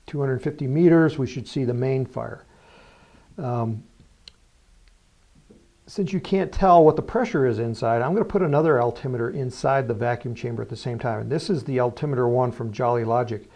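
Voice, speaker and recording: Man, medium pitch, fry in the voice, casual demo narration, plain-spoken tutorial presenter. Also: normal speed, a little mellow. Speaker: presenter of hobby rocketry tutorial. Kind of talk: casual hands-on demonstration narration.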